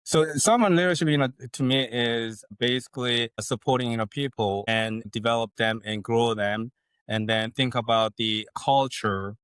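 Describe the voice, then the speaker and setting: A man's voice: medium pitch, moderate pace, a bit bright, clear, resonant tone, dry recording. Man explaining leadership. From South Korea. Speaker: guest, leadership consultant. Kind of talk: podcast interview.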